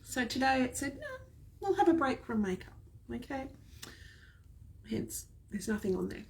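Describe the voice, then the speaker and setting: A woman's voice: high voice, sing-song, moderate pace, vocal fry. A woman hosting a chatty, gushing live skincare demonstration from home, filmed by a camera set some distance away. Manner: chatty, gushing, addresses viewers fondly. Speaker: skincare product seller.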